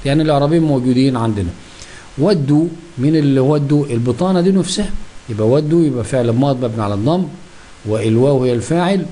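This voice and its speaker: Man, Egyptian accent, teacher, quick delivery, warm low tone, self-answering questions. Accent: Egyptian Arabic. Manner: asks questions and answers them himself. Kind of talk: grammar lesson.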